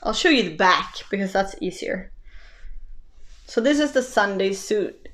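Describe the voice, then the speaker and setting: Woman, thirties, casual knitting vlog chat, laughs a lot, mid pitch. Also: expressive, unhurried, a bit bright, a little hiss or hum. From Sweden. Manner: chatty, laughs often, self-deprecating. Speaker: knitting vlogger.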